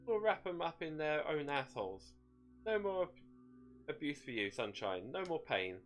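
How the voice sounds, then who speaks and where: Give it a cackling, bloodthirsty demon acted out by a man, pitched well above a plain voice. It wheedles and mocks in folksy slang, like a storybook villain, with music playing behind. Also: very animated, normal speed. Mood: wheedling, gleeful. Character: gleeful bloodthirsty male demon shade possessing a woman. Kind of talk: dramatic storytelling character voice.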